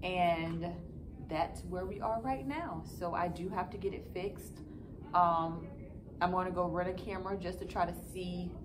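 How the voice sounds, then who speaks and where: In a casual vlog update to her followers, a woman in her thirties gives a frustrated, matter-of-fact customer review from an indoor school classroom, with the camera a few feet away. Her voice is on the low side and a little slow, and the recording has clear background noise and a phone-like distance in the room.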